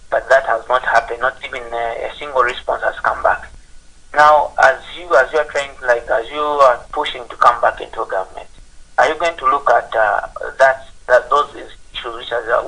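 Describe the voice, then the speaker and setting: A man calling in over a clipped phone line, asking his question haltingly with many pauses and restarts. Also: medium pitch, bright, forceful tone. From Zambia. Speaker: caller. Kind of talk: call-in question on live television.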